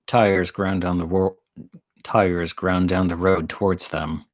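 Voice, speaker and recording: A man reading his own story aloud on a live stream, relaxed, with chatty asides and self-corrections. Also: low-pitched, slow.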